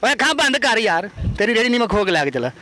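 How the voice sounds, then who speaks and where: A man's voice: high-pitched, very animated, very fast, bright, forceful tone. A man hosting a comedic street interview outdoors, playful and pushy as he coaxes passers-by. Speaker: comic street interviewer and prankster.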